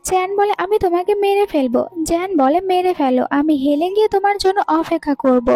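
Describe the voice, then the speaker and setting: A woman's voice: very high voice, lively intonation, fast talker, warm tone. A woman with a Bangladeshi Bengali accent narrating a drama recap and reading every character's lines in her own voice. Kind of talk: storytelling narration with quoted dialogue.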